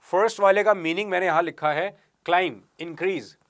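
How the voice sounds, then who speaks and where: A man teaching an exam-prep English vocabulary lesson, mixing Hindi and English, explaining slowly and spelling words out letter by letter. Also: sits high, fairly bright tone. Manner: mixes Hindi and English, addresses viewers as guys and friends.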